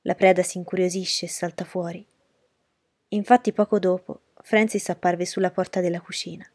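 Low-voiced woman reading a novel aloud. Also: fairly even intonation, darkish tone, no room sound, studio quality. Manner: measured storytelling. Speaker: narrator.

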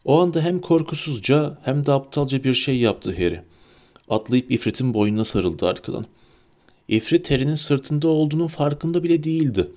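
A man's voice: mid-range voice, mellow. Man giving a dramatic storybook reading. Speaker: audiobook narrator.

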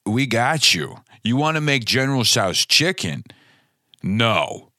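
A man's voice: mid-range voice, big pitch swings, slow, sharp tone, no echo, clean studio sound, full character voice. A man playing a brash, pushy male cooking columnist in a mock ad, blunt and mock-threatening.

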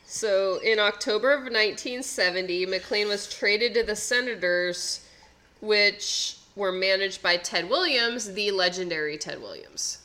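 A woman's voice: medium pitch, unhurried, pushed and bright. A woman co-hosting a podcast, casually telling baseball history stories with dry asides. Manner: anecdotal storyteller, dry asides. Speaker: podcast co-host.

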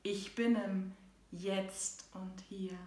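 Female author reading her own rhymed text aloud, unhurried, rhythmic, soft-to-loud dynamics, roomy echo. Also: mid-range voice, fairly even intonation. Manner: rhythmic rhyming recital, shifting between soft and loud. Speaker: author and host. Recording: echoey room.

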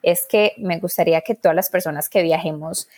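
A woman from Colombia with a strong Colombian accent, co-hosting a podcast and speaking earnestly and reflectively, slowing down to stress her points. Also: lowish voice, a little mellow. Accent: Colombian Spanish. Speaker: podcast co-host. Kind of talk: casual podcast chat.

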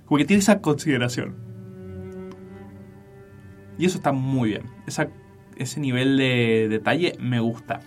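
A man's voice: mid-range voice, a bit bright. A man with a Rioplatense Spanish accent hosting a show, enthusiastically discussing a film with frequent fillers. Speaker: show host. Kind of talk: casual film commentary.

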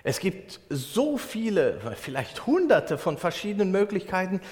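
Lively pastor in a reverberant hall. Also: male voice, high-pitched, a little slow. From Germany. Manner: conversational preaching with everyday examples. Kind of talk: sermon on a Bible verse.

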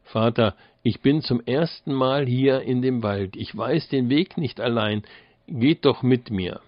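A man voicing a clever, cautious young student in a fairy tale, calm and shrewd. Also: medium pitch, measured pace, no echo, muffled recording, natural voice. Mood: coaxing.

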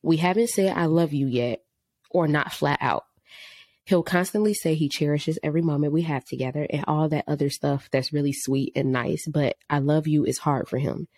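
Woman podcast co-host, deep register, dry studio sound, reads letters and gives direct advice. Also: moderate pace, darkish tone, no echo. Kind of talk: casual chat.

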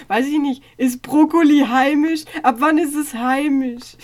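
A woman's voice: high-pitched, fairly even intonation, unhurried, a little mellow. A young woman taking quizzes in a casual chat, reacting with exaggerated outbursts and dropping in English words.

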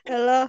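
A woman's voice: high voice, darkish tone. A young woman in casual chat on a call, repeatedly calling out to check the line while her audio cuts out and breaks up. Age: young adult. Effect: call audio cutting out and breaking up. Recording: muffled lo-fi call line, dry.

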